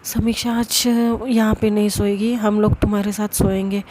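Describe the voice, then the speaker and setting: A woman's voice: mid-range voice, little pitch movement, normal speed, noisy background, natural voice. A woman voicing a concerned young woman friend who asks questions and explains plainly, in a spoken love story. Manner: questioning, matter-of-fact.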